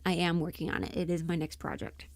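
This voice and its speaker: In a dry recording, a woman with a lowish, slightly mellow voice talks fast in a level tone. She's a livestream host and audio performer chatting casually as she works, often half-muttering to herself and trailing off.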